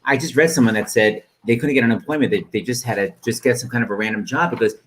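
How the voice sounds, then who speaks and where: A man talks at a rapid clip, firing off wisecracks as he co-hosts a relaxed home livestream. He is a bit out of breath after a workout. His delivery is quick and teasing. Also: medium pitch, a little hiss or hum. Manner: quick, joking banter. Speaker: co-host. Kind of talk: casual livestream chat. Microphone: desk mic for video stream.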